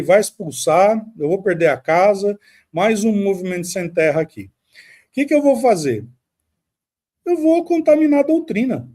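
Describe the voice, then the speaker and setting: A man's voice: sits high, a little mellow, heavily acted. Man doing a scheming devil voice. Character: scheming male devil plotting aloud.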